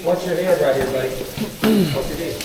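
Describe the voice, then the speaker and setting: A man's voice: a little high, a little fast. Male cave guide, upbeat directions to a group, echoing cave, faint hiss. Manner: friendly, gives directions to a group. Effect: cave echo. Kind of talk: guided tour talk. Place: inside a cave. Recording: echoey cave, long reverb, faint hiss.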